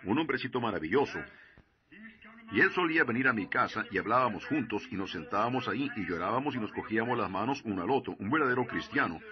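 Low-voiced man preaching on a lo-fi recording. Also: animated, fast, a crowd in the background. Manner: storytelling, asking the congregation questions. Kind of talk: sermon, Spanish voicing of a translated sermon. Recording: dull lo-fi sermon recording.

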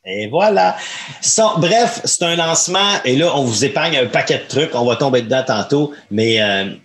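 A man in his thirties with a Quebec French accent hosts a casual podcast, sounding colloquial and enthusiastic. His medium-pitched voice is animated and fairly bright, moving at a moderate pace. He's wearing headphones and speaking close to a studio microphone on an arm.

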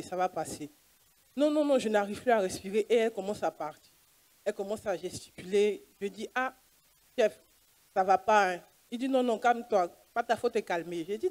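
A woman's voice: medium pitch, darkish tone. A woman, a doctor giving an earnest church testimony and acting out the dialogue as she tells it. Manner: earnest storytelling, plays out dialogue.

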